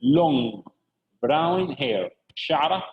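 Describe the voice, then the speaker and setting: A man teaching children English vocabulary, lively and coaxing, repeating each word slowly for his pupils. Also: on the high side, husky, narrow, tinny audio.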